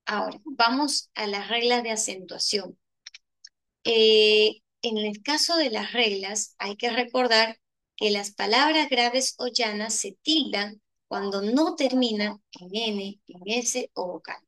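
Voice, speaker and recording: A woman teacher with a Peruvian Spanish accent goes through exam answers step by step, posing rhetorical questions along the way. Her voice is on the high side, slow, and a bit bright.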